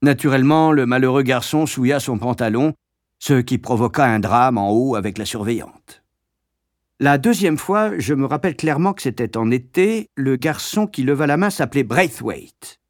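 A man's voice: medium pitch, expressive, moderate pace, dry recording, studio quality. Wry male memoir narrator. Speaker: audiobook narrator.

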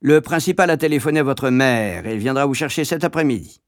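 A man voicing a brutal boarding-school matron who barks orders in a booming voice. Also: expressive, fast talker, no room sound, studio quality, close to an everyday voice. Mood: curt. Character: harsh, bullying boarding-school matron, woman.

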